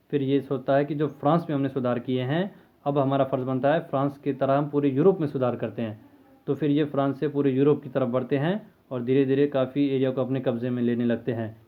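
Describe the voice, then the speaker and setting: A man teaching a history lesson in a conversational way, asking questions and answering them himself. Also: medium pitch. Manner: conversational, asks and answers his own questions. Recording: tinny phone-like lo-fi audio.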